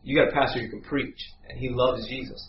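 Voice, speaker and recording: A man telling a lively story in a sermon, acting out voices and sound effects as he goes. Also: mid-range voice, fast. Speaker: guest preacher. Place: church sanctuary. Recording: echoey church, dull sound, faint hum.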